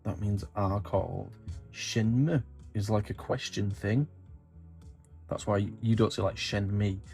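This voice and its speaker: A man's voice: on the low side, measured pace, vocal fry, warm tone, soft background music. A man hosting a casual comedic vlog, rambling and self-mocking, swearing often. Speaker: vlog host.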